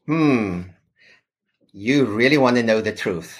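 A man's voice: mid-range voice, animated, takes it slowly, slightly rough. A man in his fifties from South Africa with a South African accent, answering interview questions modestly, with occasional hesitations. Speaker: podcast guest.

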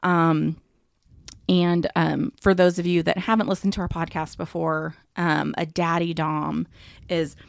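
A woman's voice: lowish voice, little pitch movement, a little slow, gravelly, dry recording, clean studio sound. A woman co-hosting a podcast in casual chat, talkative, with many fillers. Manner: chatty, filler-heavy, laughs easily. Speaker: podcast co-host.

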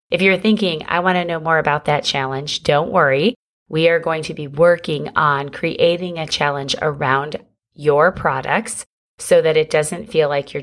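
A middle-aged woman with a low voice hosts a solo podcast. She talks in a chatty, encouraging way and calls her listeners friends. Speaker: podcast host and business coach.

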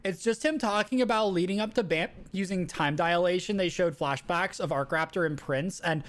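A man's voice: high voice, normal speed, fairly bright tone. A man co-hosting a casual chat, reading out and mocking a take in a sarcastic rant. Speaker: podcast co-host.

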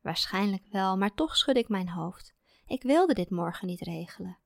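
Woman, audiobook narrator, calm even storytelling, mid pitch, dry close recording. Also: moderate pace, vocal fry, dry recording. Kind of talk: first-person audiobook narration.

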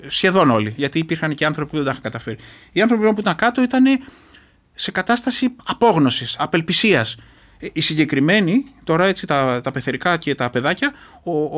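A middle-aged man from Greece, an interview guest who served as a reserve commando, earnestly retelling a personal experience with halting restarts. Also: on the high side, a bit bright.

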